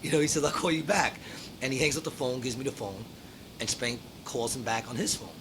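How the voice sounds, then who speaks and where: A man hosting a casual podcast, an animated and profane storyteller who laughs often and acts out the people in his story. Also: mid-range voice, a little fast, slight background noise. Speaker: podcast host. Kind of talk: casual chat.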